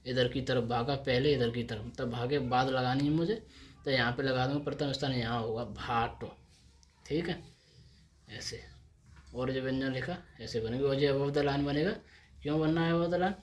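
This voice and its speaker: A man teaching a shorthand class, explaining each step slowly and answering his own questions as he writes. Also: medium pitch, slight background noise. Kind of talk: board lesson explaining step by step.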